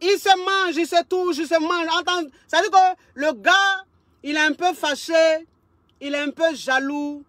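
A woman relationship coach tells a story in a casual monologue. Her voice sits high, and she loves to repeat lines and drop in street slang. The recording is dry, with no room sound. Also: measured pace, no room sound. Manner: lively, repeats phrases for emphasis, street slang.

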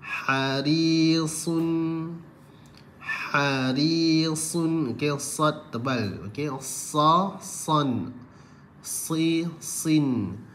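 Slow, patient Malaysian male recitation teacher. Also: expressive, fairly bright tone, a little hiss or hum. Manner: drawls model words, then quick low corrections; addresses listeners as tuan-puan. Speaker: Quran reading teacher.

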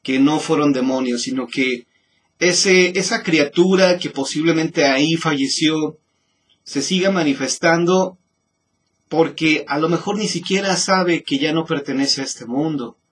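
A Mexican man hosting a show, telling legends in a musing, halting way with frequent restarts. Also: on the high side, fairly bright tone, breathy edge. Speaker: host. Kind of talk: storytelling commentary.

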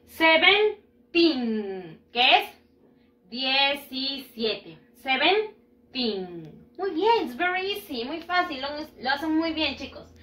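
A woman teaching English numbers to young children in a high, lively voice that rises and falls. She speaks slowly and stretches each word out so the children can repeat it, and she praises them often. The room has a roomy echo. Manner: slow, drawn-out modelling of English words. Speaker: primary school English teacher. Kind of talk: recorded online lesson for children.

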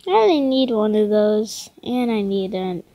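A woman's voice: mid-range voice, measured pace, no room sound. Stuffy-voiced woman chatting over gameplay. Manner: chatty, excitable, rambling slang. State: stuffy, congested from a cold. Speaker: gaming video creator. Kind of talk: casual gameplay commentary.

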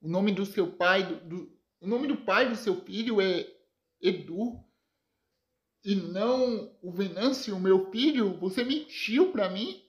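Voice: medium pitch, expressive, takes it slowly, highs cut off, voice pushed up. A narrator voicing an older man, a ranch patriarch who has been deceived, speaking in indignant, accusing questions. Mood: hurt, accusing. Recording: roomy echo.

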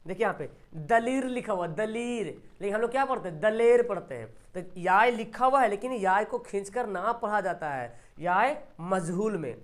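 A teacher giving an exam-prep grammar lesson, who keeps asking short quiz questions, answers them, and stretches out example words slowly. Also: mid-range voice, lively intonation.

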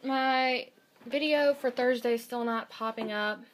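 A bubbly vlogger in her twenties rambles chattily through her day in a home kitchen, speaking into a handheld phone camera held at arm's length. Her voice sits on the high side, with a steady tone and a measured pace, in a casual daily vlog style.

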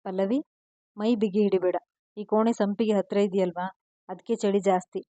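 Storybook read: tender young husband voiced by a woman, gentle, low-key, mellow. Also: fairly even intonation, normal speed, dry recording, natural voice.

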